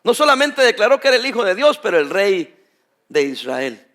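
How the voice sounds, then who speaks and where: A male pastor preaching a sermon, emphatic and addressing the congregation directly as brothers, often pausing so they can finish his phrases. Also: high-pitched, big pitch swings, fairly bright tone.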